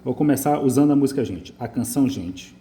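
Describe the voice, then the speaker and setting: A man with a Brazilian accent teaching an essay-correction lesson, emphatic and lively, repeating his points as he marks the page. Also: medium pitch, brisk, slight background noise. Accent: Brazilian Portuguese. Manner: lively, emphatic, repeats phrases while writing. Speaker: writing teacher.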